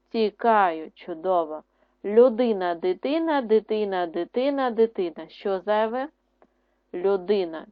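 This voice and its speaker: A woman's voice: on the high side, no room sound. A Ukrainian-accented woman teaches young children in a patient, encouraging tone. She sounds out syllables one by one and praises often. The recording is dry and slightly dull, with no room sound. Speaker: primary school teacher. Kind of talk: recorded online reading lesson.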